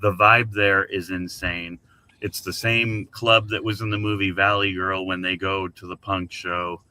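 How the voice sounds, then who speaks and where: A man's voice: low-pitched, level tone, a little slow, bright, forceful tone. A man hosting a radio show, chatting casually with a guest in a laid-back, laughing way and swearing freely. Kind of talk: casual interview chat. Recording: noisy background.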